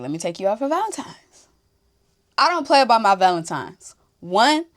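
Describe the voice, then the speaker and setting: A young woman from Houston hosting a podcast, telling a casual story in an animated, slangy, profane way with frequent laughs. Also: medium pitch. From Houston, Texas. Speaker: podcast host.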